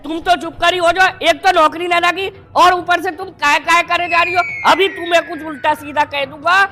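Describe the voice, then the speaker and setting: A man playing a whiny jobless son, very high-pitched. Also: steady tone, normal speed, pushed and bright. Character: jobless grown son of a poor family. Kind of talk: comedy sketch acting.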